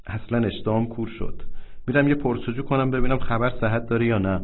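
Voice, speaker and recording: A man's voice: mid-range voice, close to an everyday voice. A man reading aloud and voicing a grieving young man who speaks in a subdued, choked-up way, in a tinny, phone-like recording. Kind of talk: audiobook reading.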